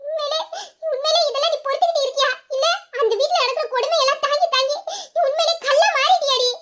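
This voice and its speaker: A woman's voice: extremely high pitch, quick pace, fairly bright tone. A woman voicing an indignant young woman who scolds and curses her friend's cruel in-laws. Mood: furious. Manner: scolding, cursing, heated. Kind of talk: Tamil audio story acting.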